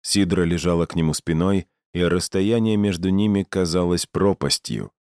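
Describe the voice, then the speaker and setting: Male audiobook narrator, very deep voice, dry close recording, measured reading. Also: darkish tone, clear, resonant tone, dry recording. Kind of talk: scripted narration.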